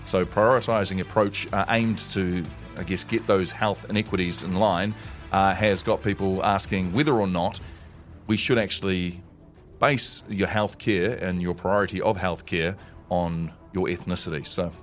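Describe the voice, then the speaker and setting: Low-voiced New Zealand male radio host. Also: fairly even intonation, normal speed, soft background music. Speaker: radio morning show co-host. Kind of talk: conversational radio news chat.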